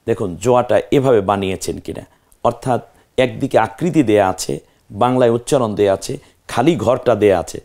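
A patient male Quran teacher with a fairly low voice and a Bangladeshi Bengali accent. He leads a step-by-step lesson on Arabic letters, repeating the letter names in slow drills and encouraging the viewer as he goes. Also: a little mellow. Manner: speaks directly to viewer, frequent religious phrases.

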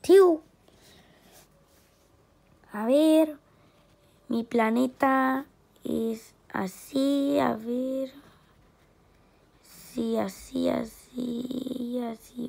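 A woman's voice: high voice, vocal fry, darkish tone. A woman chatting playfully while drawing, muttering to herself as she works. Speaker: channel host. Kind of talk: casual chat while drawing.

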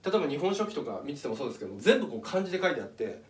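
A man's voice: a little high, very animated, rapid-fire. A man giving a casual, step-by-step explanatory talk as channel host, pointing things out on a chart as he goes. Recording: echoey room, mic at a distance.

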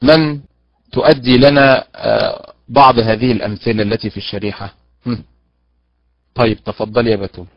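A man teaching Quran recitation online, slowly drawing out recited examples between quick explanations. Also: medium pitch, steady tone, no echo. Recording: dull lo-fi dry online audio.

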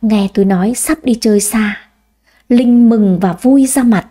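Mellow woman narrating an audiobook. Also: on the high side. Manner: measured, expressive reading. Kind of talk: scripted first-person story narration.

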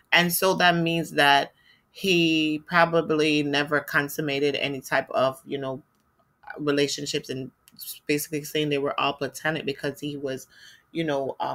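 A woman's voice: deep voice, sharp tone. A woman hosting a celebrity gossip show, telling the story in a chatty, opinionated way, full of "you know" fillers. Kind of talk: casual gossip commentary.

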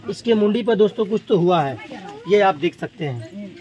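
A man's voice: high voice, lively intonation, moderate pace, darkish tone, muffled recording. A man rescuing snakes outdoors in a village, narrating to camera and repeatedly addressing his viewers as friends. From India. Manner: repeats "friends" constantly, pleading urgently when the crowd threatens the snake. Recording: noisy outdoor crowd recording. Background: crowd of villagers talking.

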